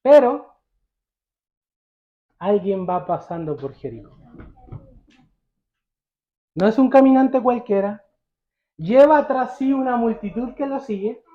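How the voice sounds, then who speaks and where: A man's voice: extremely high pitch, expressive, takes it slowly, pauses often, mellow, reverberant, lo-fi sound. A male pastor preaching a sermon, telling the story vividly and asking the congregation questions.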